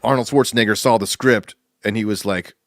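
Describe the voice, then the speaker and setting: A man's voice: lowish voice, fairly even intonation, a little fast, fairly bright tone, dry recording. A man co-hosting a podcast, rambling in casual chat and laughing often. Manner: rambling, laughs often, quotes people in put-on voices. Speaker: podcast co-host.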